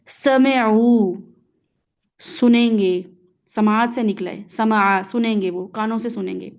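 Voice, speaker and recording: Speaking with a Pakistani Urdu accent, a woman leads a word-by-word Quran reflection lesson, blending in English and frequently checking on her listeners. Her voice is a little high and a little mellow.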